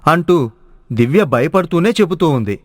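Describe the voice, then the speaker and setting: Male cartoon narrator, fairly high voice, dry close sound. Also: normal speed, no echo. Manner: steady, storytelling. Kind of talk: scripted storybook narration.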